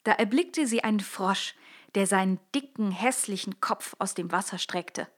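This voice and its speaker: A woman narrating a classic fairy tale with expressive storytelling. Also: mid-range voice, normal speed.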